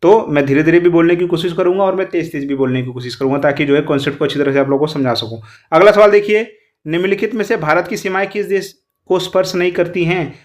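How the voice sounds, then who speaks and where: A man teaching an exam-prep lesson, walking through quiz answers and repeatedly putting questions to his students. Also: fairly high pitch. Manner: fast, repetitive, keeps asking the class questions.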